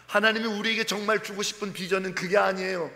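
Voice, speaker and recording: A male pastor preaching a sermon dramatically, acting out quoted voices and swinging between loud cries and soft, hushed words. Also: high-pitched, steady tone, fast. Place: church sanctuary. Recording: long reverb of a church hall.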